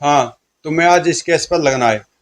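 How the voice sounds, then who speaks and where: A man's voice: on the high side, normal speed, close to an everyday voice. A man voicing an irritable middle-aged police inspector who scolds a junior. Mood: gruff.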